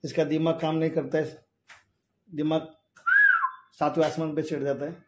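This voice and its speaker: A man's voice: a little high, flat delivery, moderate pace. A man in his thirties at home teasing his wife on camera, saying the same things over and over in a mocking way. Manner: teasing, repeats himself mockingly. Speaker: vlogger's husband. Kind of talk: teasing banter. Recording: echoey home room with faint noise.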